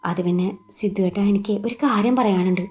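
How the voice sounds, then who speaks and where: A woman's voice: mid-range voice, fast talker, darkish tone, faint music behind, pitched below the performer's own voice, natural voice. A woman voicing a lovesick young woman who pleads hesitantly, faltering over her words, in a read-aloud romance story. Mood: pleading.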